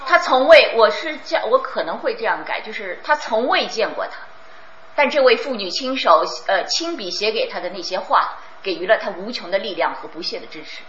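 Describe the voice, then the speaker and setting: A woman's voice: medium pitch, lively intonation, a little fast, fairly bright tone. Woman reading a passage out in class, kinda unsure when she talks about it, dull echoey sound. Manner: careful, unsure, restarts when explaining. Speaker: recitation student. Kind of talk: reading aloud and explaining her choices. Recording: echoey, muffled room.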